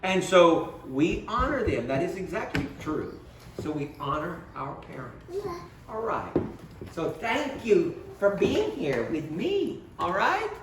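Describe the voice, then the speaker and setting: With a high voice whose pitch swoops wildly, a man slowly leads a children's Bible lesson as storyteller. He speaks simply and instructively, putting questions to the little ones, and the audio is roomy, picked up by a distant mic amid background noise.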